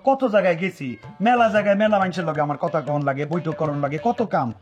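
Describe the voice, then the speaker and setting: An actor playing a scheming husband who takes a second wife, talking in a lively dialect-heavy way. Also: male voice, a little high, dull audio, faint music behind. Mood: scolding. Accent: Bangladeshi Bangla dialect. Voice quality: animated, lively, fast talker. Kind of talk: comic TV drama.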